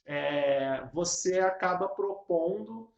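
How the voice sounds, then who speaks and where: A man's voice: sits high, animated, slow pace, lo-fi sound. A man explaining a children's rhythm game step by step, teaching music to early-years teachers. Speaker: music educator. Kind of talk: casual teaching video. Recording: echoey room.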